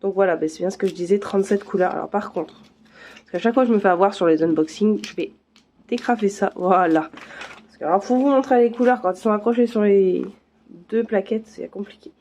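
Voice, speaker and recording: A woman chats casually as she unboxes craft kits, her voice mellow and soft-edged. She talks in loose, easygoing runs, stopping often for fillers and restarts. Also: mid-range voice, fairly quick. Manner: chatty, many fillers and restarts. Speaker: craft vlogger.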